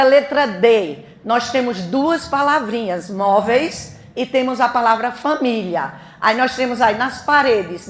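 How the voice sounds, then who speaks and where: A woman with a Brazilian Portuguese accent leads a grammar lesson for exam candidates. Her voice sits a little high, and she talks quickly. She keeps throwing questions at the class and answering them herself. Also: a bit bright. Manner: fast-talking, quizzes the class with questions and answers. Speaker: grammar teacher for exam prep.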